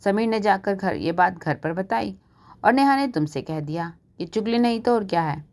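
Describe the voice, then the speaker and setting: A woman's voice: mid-range voice, animated, normal speed, a little mellow, natural voice. A woman voicing a playful middle-aged male doctor who jokes his way through being scolded by his wife, in a told storybook. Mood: teasing. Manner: joking, easygoing.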